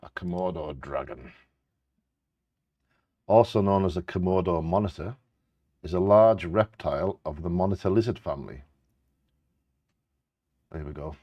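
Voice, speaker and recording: Deep-voiced man reading out bingo facts. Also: a little slow, long pauses, mellow, dry recording, highs cut off. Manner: casual, stumbles over scientific names. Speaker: co-host reading out animal facts. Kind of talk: reading facts aloud with casual asides during a live bingo game.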